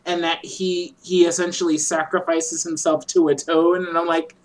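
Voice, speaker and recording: A woman's voice: fairly low pitch, level tone, normal speed. A woman co-hosting a podcast, talking casually about a movie, full of fillers and freely swearing. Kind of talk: casual movie review chat.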